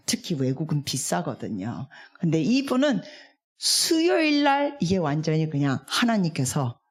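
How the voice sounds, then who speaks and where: A woman, a guest missionary, preaching a revival sermon as an animated storyteller who acts out the people in her stories and coaxes the congregation to respond. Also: on the low side. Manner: animated, acts out quoted speech.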